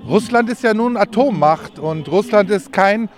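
A man's voice: high voice, moderate pace, faint music behind. A man working as a reporter, asking direct, probing questions in a street interview.

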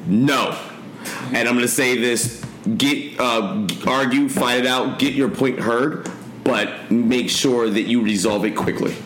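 A man answering interview questions as a guest, relaxed and thoughtful, with frequent "um" pauses. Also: mid-range voice, echoey room, a little hiss or hum. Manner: relaxed, thoughtful, hesitant fillers. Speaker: guest, gym owner.

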